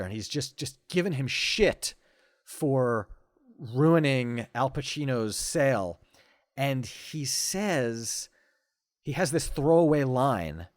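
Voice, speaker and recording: A man's voice: medium pitch, dry recording, clean studio sound. A man in his forties, a podcast guest, talking with enthusiasm and many stammering restarts in casual conversation.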